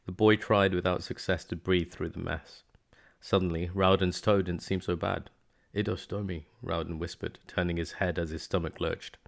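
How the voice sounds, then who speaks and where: Deep gravelly man reading a novel aloud. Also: flat delivery, moderate pace. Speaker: hobby book reader. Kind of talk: amateur audiobook narration.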